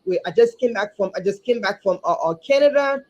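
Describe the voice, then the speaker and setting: A woman from Liberia, speaking earnestly as a guest over a video call, often repeating words and pausing on fillers. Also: medium pitch, lively intonation, darkish tone, lo-fi sound. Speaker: guest, community advocate and chapter chair. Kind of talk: livestream interview.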